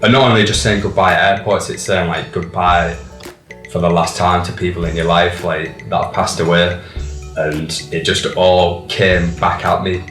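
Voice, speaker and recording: A man, a band member speaking reflectively and haltingly in a documentary interview. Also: sits low, flat delivery, a bit bright, roomy sound, recorded from a distance, soft background music.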